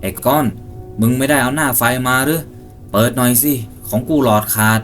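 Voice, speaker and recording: A man's voice: mid-range voice, a little fast, a bit bright, faint music behind, voice pushed up, natural voice. A man voicing a nervous young hunter in a ghost story, speaking in a tense, wary and pleading way.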